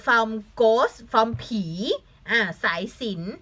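A woman's voice: fairly high pitch, very slow, bright, forceful tone. A young woman teaching a language lesson to children, patiently spelling words letter by letter, asking the class questions and adding English glosses.

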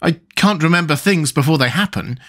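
Man voicing a polite, higher-pitched young girl. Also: expressive, brisk, a bit bright. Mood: puzzled, reasoning. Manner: courteous, timid yet reasoning. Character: polite, puzzled, sensible young girl Alice. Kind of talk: storybook character voice.

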